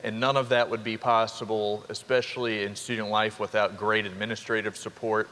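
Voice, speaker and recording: A young man, a college dean of students giving an upbeat orientation welcome to students and parents, with quick asides to the crowd. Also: lowish voice, little pitch movement, a bit bright. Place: large hall. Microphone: handheld microphone. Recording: reverberant hall with faint ambience.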